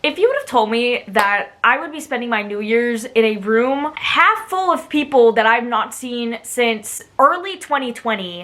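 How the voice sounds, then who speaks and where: A young American woman with a high, very bright voice chats through a personal story. She rambles casually, leaning on exasperated emphasis and dramatic asides, like a vlogger talking straight to viewers. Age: young adult.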